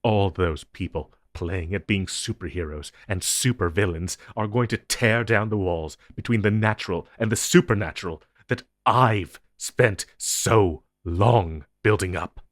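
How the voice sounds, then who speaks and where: A man with a low, husky voice plays an ancient, powerful, possessive supernatural being, a grim superior in a secret agency, in an intense audio roleplay monologue addressed to the listener. He speaks gravely and commandingly with dramatic pauses, sounding angry and urgent. The studio-quality recording has no room sound.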